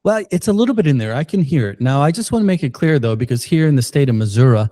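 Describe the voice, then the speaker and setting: With an animated, dark-toned, mid-range voice, this Missouri podcast host jokes around and rambles through halting questions with many restarts during an interview. The studio-quality recording has no echo.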